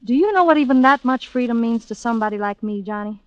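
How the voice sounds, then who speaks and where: Actress as a cool, guarded nightclub singer, muffled vintage radio. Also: female voice, on the high side, animated, quick pace, no room sound, close to an everyday voice. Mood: defiant. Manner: clipped, wry comebacks. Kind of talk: old-time radio drama acting.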